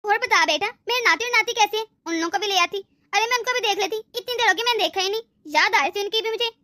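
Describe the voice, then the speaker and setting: A soft-spoken sick old mom in a cartoon, high bright voice, dry close sound. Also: female voice, fast, dry recording. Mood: soothing. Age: older. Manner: soothing, calming, pleading for peace. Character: ailing elderly mother, gentle and patient. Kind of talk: Hindi cartoon voice acting.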